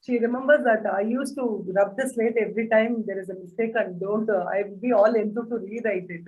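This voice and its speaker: A woman's voice: a little high, fairly quick, far from the mic, narrow, tinny audio. A woman speaking earnestly on a panel, telling anecdotes with many "you know"s. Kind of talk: reflective talk with anecdotes.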